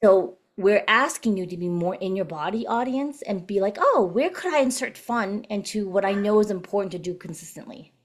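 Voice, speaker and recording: A woman in her late fifties hosts a podcast conversation with lively energy. She acts out the voices she quotes and turns often to speak directly to her listeners. Her voice sits at a middle pitch for a woman. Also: normal speed, hardly any pauses. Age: 50s. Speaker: podcast host.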